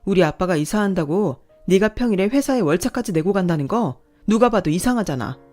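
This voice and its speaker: A woman's voice: mid-range voice, warm tone, natural voice. Woman playing a pointed young daughter. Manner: pointed, insistent questioning. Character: the daughter narrator, a young married office worker, direct and suspicious. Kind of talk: scripted story reading.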